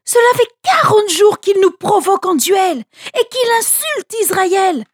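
A woman's voice: very high voice, animated, unhurried, no room sound, clean studio sound, voice pushed up. A woman voicing a nervous common soldier explaining things in a raised voice. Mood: uneasy.

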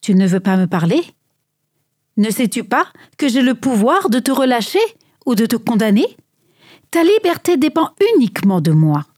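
A woman voicing an anxious Roman governor in a storybook Bible reading, pitching her voice up and pleading. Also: very animated, moderate pace, darkish tone, dry recording, clean studio sound. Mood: pressing. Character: anxious Roman governor, middle-aged man.

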